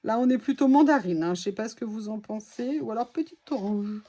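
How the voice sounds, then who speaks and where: A woman's voice: fairly high pitch, animated, fairly quick, mellow. A woman vlogger chatting casually through a craft haul, exclaiming as she reacts to each item.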